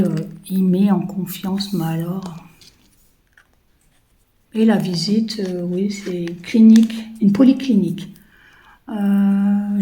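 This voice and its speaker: A woman's voice: medium pitch, dark tone, a little hiss or hum, rough recording. A woman in her fifties chatting casually to viewers while she works on a craft project, rambling with many fillers and muttering to herself. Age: 50s. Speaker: craft vlogger.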